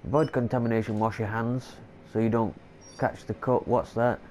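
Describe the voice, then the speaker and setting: In casual horror-game let's play commentary, a man stuffed up with a cold stumbles over long words while reading notes aloud. His mid-range voice has a steady, darkish tone and moderate pace, with slight background noise.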